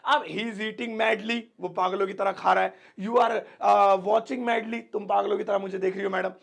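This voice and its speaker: A young man teaches English grammar, playful and full of little jokes. His voice sits high for a man and carries a gravelly, rough texture. He slows right down to stretch out each example word for the listener. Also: fairly even intonation, fairly bright tone. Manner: joking, playful, drawn-out example words. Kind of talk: casual video lesson.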